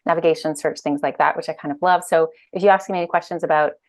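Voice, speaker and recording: Woman, low voice, chatty, lots of fillers, earphone mic on a video call. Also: steady tone, fast. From Ireland and Canada. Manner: chatty, many fillers and restarts. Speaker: guest, UX director and author. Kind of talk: casual video-call interview. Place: bright room at home.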